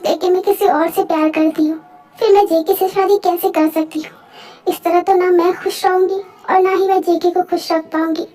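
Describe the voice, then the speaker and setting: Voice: very high voice, flat delivery, fairly quick, dark tone, faint music behind. A dubber voicing a crying young bride who begs for help in a fan dub. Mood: desperate. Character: young woman bride, tearful and desperate.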